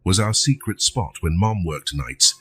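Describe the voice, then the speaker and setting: A man voicing a small, sleepy younger sister who murmurs quietly. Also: sits low, lively intonation, measured pace, slight background noise.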